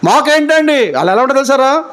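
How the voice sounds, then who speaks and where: A man preaching a live church sermon, firing rhetorical questions at the congregation and swinging between loud emphatic lines and quiet low ones. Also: big pitch swings, quick pace.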